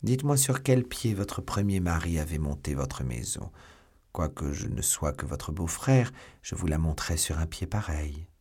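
A sardonic, steely English nobleman, as a male audiobook reader voices him. The voice is deep and husky, close to the reader's own. He speaks in a measured, quietly mocking tone. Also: lively intonation, full character voice. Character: stern English baron, sly and mocking. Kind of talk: audiobook character voice.

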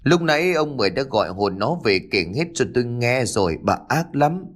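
A man's voice: medium pitch, very animated, fairly quick. A man voicing a grieving older man in a ghost story, speaking in a weary, reproachful way.

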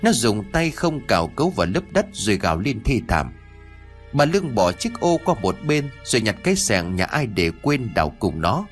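Expressive male audio story narrator. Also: medium pitch. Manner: expressive, dramatic reading.

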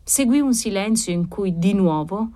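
A woman reading a classic novel aloud as an audiobook, measured and expressive. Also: mid-range voice. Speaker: audiobook narrator.

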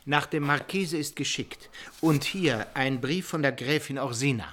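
A man's voice: mid-range voice, a little slow, a bit bright, natural voice. An actor playing a dutiful servant in a stage drama, making formal announcements to his master.

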